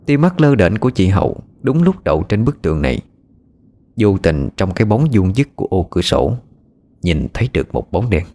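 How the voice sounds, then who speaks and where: A man narrating a scripted ghost story in an expressive, suspenseful reading. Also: low voice, moderate pace.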